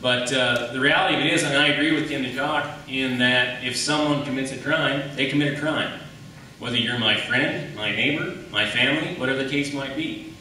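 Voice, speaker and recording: Speaking a little fast, this county attorney candidate uses a bright, forceful mid-range voice to press his case at a public debate, leaning on repetition and rhetorical questions. The large room echoes, and the distant mic picks up faint noise.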